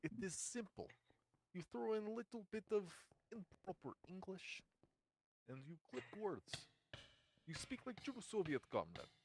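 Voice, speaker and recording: A bossy, passionate Soviet comrade, put on by a man with a thick mock Russian accent, clipped words and broken English. The voice sits well above his usual pitch and carries a little room distance. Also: big pitch swings, moderate pace, darkish tone, slight background noise. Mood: lecturing. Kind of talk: joking impression among friends.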